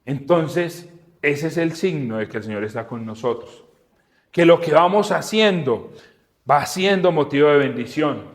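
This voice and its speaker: Male preacher, conversational Bible teaching, lively and questioning, slightly raised pitch. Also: measured pace. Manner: animated, asks the audience questions, acts out dialogue. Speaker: preacher and podcast host.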